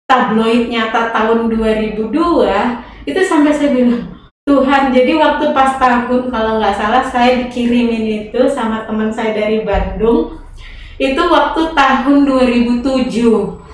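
A woman being interviewed, telling her story in an animated way and slipping English phrases in. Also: fairly high pitch, distant mic, a little hiss or hum. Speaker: interview guest. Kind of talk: conversational interview. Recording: echoey room, voice off-mic.

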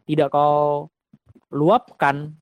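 Man, reflective, halting, casual chat, slightly high pitch, dry sound. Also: level tone, darkish tone, dry recording. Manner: reflective, halting, many restarts and fillers. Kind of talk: casual podcast conversation.

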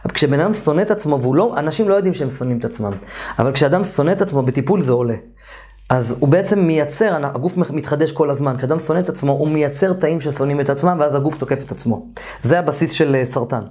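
A man with a voice on the high side teaches a therapy course in a loose, animated lecture. He frequently trails off and starts sentences over, sometimes raising his voice to act out sessions with clients.

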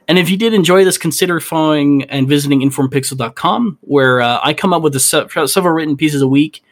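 On a gaming podcast, a male co-host spins theories in rambling casual conversation, often restarting and leaning on fillers. His voice is fairly high and he speaks fast.

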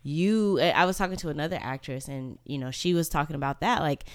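A woman interviewing a guest in a relaxed chat, agreeable and quick to affirm. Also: low voice. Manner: agreeable, lots of affirming backchannels.

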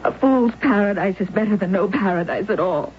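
A woman with a natural, mid-range voice talks a little fast, with slight background noise behind her. She's an actress in a 1970s radio drama, narrating as its lead character, an anguished young wife in a wheelchair, and her delivery is intense and pleading until it breaks into despair. The old broadcast sounds muffled, with music.

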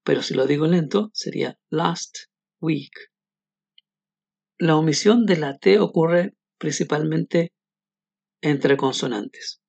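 A man teaching English pronunciation in a scripted podcast, explaining clearly and modeling words slowly. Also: a little high, a little mellow, no room sound, highs cut off.

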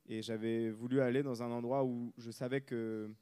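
A man from France, an author and former reporter, answering interview questions in a measured, reflective way and often pausing to find his words. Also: mid-range voice, little pitch movement, mellow, smooth.

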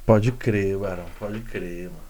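A man with a slightly low voice and a Brazilian Portuguese accent hosts an interview. He talks in a casual, slangy way, often hesitating as he puts his questions. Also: fairly even intonation, moderate pace, dark tone.

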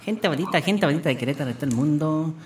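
A man's voice: a little high, animated, fast, recorded from a distance, heavy background noise. Slangy, joking Mexican man hosting radio. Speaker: radio show host. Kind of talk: casual slangy chat.

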